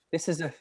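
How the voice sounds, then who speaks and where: A man playing in a tabletop game, bantering casually and joking between lines. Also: no echo. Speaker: player.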